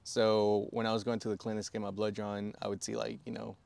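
A man's voice: fairly low pitch, monotone, quick pace, vocal fry, a little mellow. A young man in his twenties telling his story candidly in a casual podcast chat, with frequent fillers and swearing. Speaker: podcast guest.

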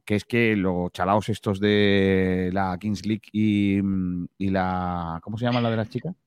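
A man presents sports radio in a fairly low voice. He talks casually and colloquially, pausing and repeating words, and the sound is dry and close. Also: steady tone, clean tone, no room sound. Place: stadium press room.

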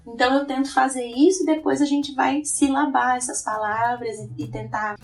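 A woman's voice: sits high, steady tone, normal speed, vocal fry, distant mic, faint music behind. A woman educator with a Brazilian Portuguese accent, explaining her teaching methods in an earnest presentation, often tagging phrases with a questioning "né".

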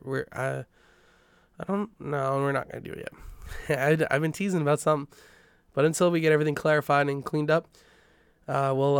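A man's voice: fairly high pitch, clear, resonant tone, no echo, studio quality. A man, congested from a cold, hosting a podcast in a rambling, chatty way with frequent self-corrections. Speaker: podcast host. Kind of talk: casual podcast intro.

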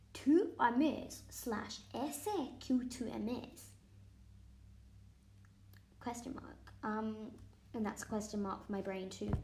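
In an echoey room, a young female student chats casually for her vlog, her fairly high, mellow voice carrying a faint hiss or hum. She thinks aloud while quizzing herself, now and then slipping into a whisper.

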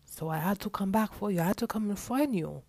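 A woman's voice: medium pitch, lively intonation, fast, darkish tone, no echo, pitched above the performer's own voice. A woman voicing a devoted man who speaks tenderly, half in a whisper. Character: devoted man seeking his lost love.

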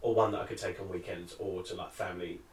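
A man's voice: deep voice, fairly even intonation, fast. A man co-hosting a casual podcast, joking and laughing often. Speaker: podcast co-host. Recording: roomy and distant from the mic.

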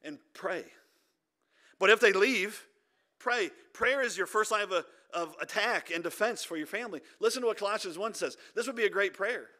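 A man preaching a sermon as pastor in a church, emphatic, swinging between loud urging and quiet intensity. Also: high voice, normal speed.

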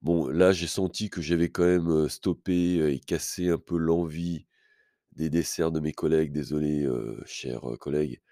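A man's voice: rumbling low, fairly even intonation, normal speed, warm tone, no room sound, clean studio sound. A man hosting a podcast, telling a story in a casual monologue with many hesitations and fillers, blunt and self-assured in tone. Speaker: podcast host.

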